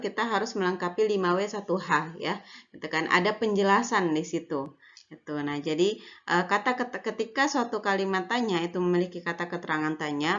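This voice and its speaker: Lower-voiced woman explaining casually, lo-fi. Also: fairly bright tone. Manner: casual explaining with frequent fillers and tag words. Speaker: university lecturer. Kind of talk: recorded online lecture. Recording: dull lo-fi audio.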